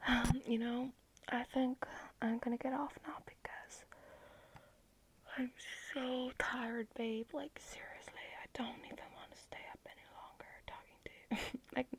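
A woman's voice: a little high, little pitch movement, measured pace, poor audio. A young woman whispering as an affectionate, clingy girlfriend in an ASMR roleplay on a video call at night.

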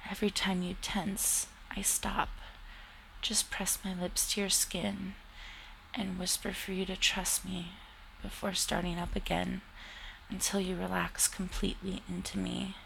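Slow, gravelly-voiced woman narrating intimately. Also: fairly low pitch, little pitch movement, a little hiss or hum, low-quality recording. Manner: soft, intimate, drifting into whispers. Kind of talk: intimate second-person romantic audio story.

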